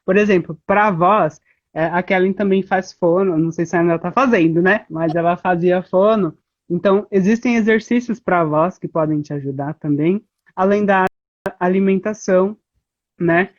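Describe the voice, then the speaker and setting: A woman's voice: fairly low pitch, normal speed. Woman guest on a slightly muffled line. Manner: relaxed, explanatory, many "né" fillers, laughs easily. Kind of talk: casual interview chat.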